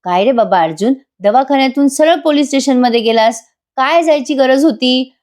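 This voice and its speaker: Sharp-tongued old grandmother, scolding, read by a woman narrator. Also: high voice, normal speed, voice pushed up, close to an everyday voice.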